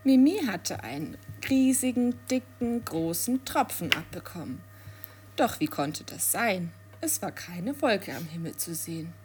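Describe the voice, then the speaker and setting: A woman narrating a children's story in an expressive, sing-song manner. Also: mid-range voice, breathy edge.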